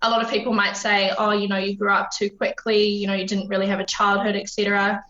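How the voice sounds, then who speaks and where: A woman's voice: medium pitch, monotone, fast, fairly bright tone. A woman in her twenties with a New Zealand accent, chatting as a podcast guest, full of ums and easy laughs. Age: 20s. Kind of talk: casual interview chat. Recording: roomy, dull lo-fi remote line.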